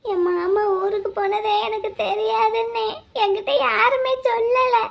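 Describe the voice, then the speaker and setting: A woman's voice: very high voice, little pitch movement, unhurried, vocal fry, a loud crowd, heavily acted. A woman voicing Maragatham, a tearful young bride-to-be. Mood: pleading. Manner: whiny, pleading.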